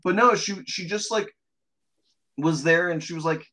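A man's voice: on the high side, normal speed, pushed and bright, poor audio. A man co-hosting a casual podcast, rambling through stories with sardonic humor and frequent swearing. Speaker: podcast co-host.

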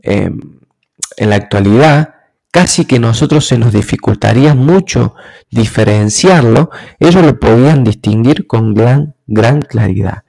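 A man with a gravelly, creaky voice gives an explanatory talk. He speaks at a measured pace and keeps checking in with his listeners through short rhetorical questions. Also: medium pitch, a little mellow, low-quality recording.

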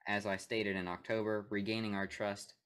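Brief: young guy, lowish voice, casual sports chat, laughs a lot. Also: flat delivery, normal speed, fairly bright tone. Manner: laughs often, reads statements aloud with asides. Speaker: podcast co-host.

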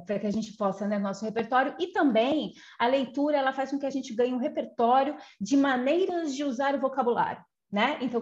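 A woman with a fairly high voice gives an informal lecture, explaining patiently and checking in with little tag questions. The audio is somewhat muffled and lo-fi. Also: a little mellow. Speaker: communication guidance speaker.

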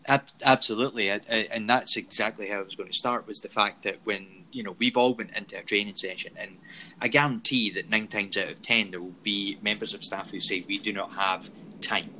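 A man's voice: lowish voice, steady tone, fairly quick, bright, forceful tone, slight background noise, poor audio. A Scottish man co-hosting a show in a jokey, upbeat casual chat. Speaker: podcast co-host.

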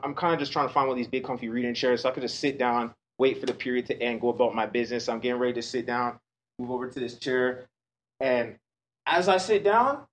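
A man giving a keynote talk to high school students, telling a personal story with emphatic delivery. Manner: storytelling, emphatic, acts out quoted voices. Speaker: motivational speaker.

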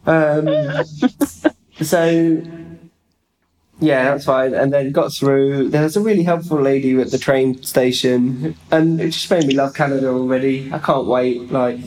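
A man's voice: mid-range voice, a little slow, rough recording. A young man with an English accent, chatting casually and acting out the people in his travel anecdotes. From England. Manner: chatty, animated, acts out voices in anecdotes. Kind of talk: casual chat, storytelling. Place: stairwell.

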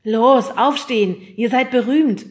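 A woman reading an audiobook, voicing a grumpy, agitated boy who talks loudly and sounds exasperated. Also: mid-range voice, brisk, voice pushed up, natural voice. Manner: loud, exasperated.

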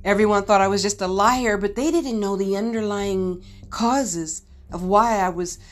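A woman's voice: mid-range voice, normal speed, faint music behind. A middle-aged woman hosting a podcast, telling a personal story in an earnest, candid and reflective way. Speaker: podcast host.

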